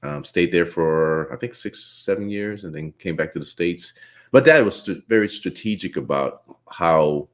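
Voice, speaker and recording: A man from the Bahamas hosting a casual interview, talking in a relaxed, rambling way and laughing often. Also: low voice, moderate pace. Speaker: podcast host.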